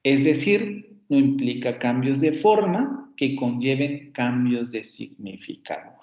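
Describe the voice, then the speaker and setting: Man, Mexican Spanish accent, university lecturer, deliberate and repetitive, roomy lo-fi class recording. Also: medium pitch, darkish tone. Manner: slow, deliberate, often rephrases and checks "¿sí?" with students. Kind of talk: explanatory online class lecture.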